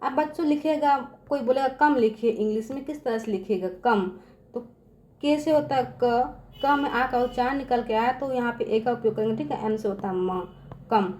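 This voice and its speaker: Patient woman teacher, high voice. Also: darkish tone. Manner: repeats "theek hai" constantly, patient and drawn-out; addresses viewers as children. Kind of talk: spelling lesson for children.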